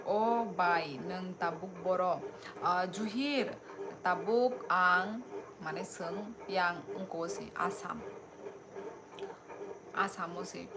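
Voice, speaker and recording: This young adult from Tripura, India, has a lowish voice and speaks at a slow, relaxed pace while streaming live. In a friendly way she reads viewers' comments and answers each person by name, with constant background noise in the recording.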